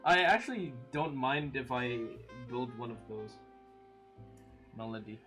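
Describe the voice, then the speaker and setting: An unhurried, mid-range voice belongs to a man in his early twenties hosting a stream over soft background music. He casually chats and answers what viewers comment, relaxed and talkative, laughing often and using lots of fillers.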